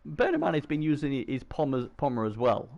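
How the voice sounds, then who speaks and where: A man giving casual, excitable commentary on a video game match, often repeating himself. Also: mid-range voice, brisk, vocal fry, dull audio.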